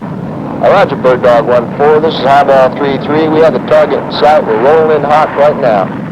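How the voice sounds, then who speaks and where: Pilot on a muffled helmet radio. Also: male voice, mid-range voice, moderate pace. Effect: helmet radio transmission. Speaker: attack pilot. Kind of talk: clipped radio procedure talk. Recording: muffled radio over noise.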